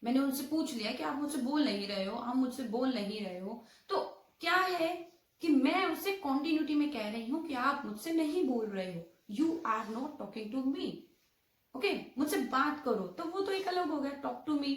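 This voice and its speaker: Woman, teacher, fairly high voice, repeats examples. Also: animated. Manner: explains slowly, repeating example sentences in Hindi and English. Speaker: English teacher. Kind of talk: bilingual grammar lesson. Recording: echoey room.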